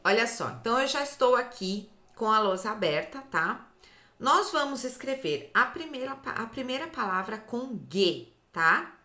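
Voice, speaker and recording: Bright, lively Brazilian teacher woman. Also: a little high, reverberant. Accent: Brazilian Portuguese. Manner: slow, drawn-out syllables, often ends with "tá?". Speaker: literacy teacher. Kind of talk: slow, clear phonics lesson for children.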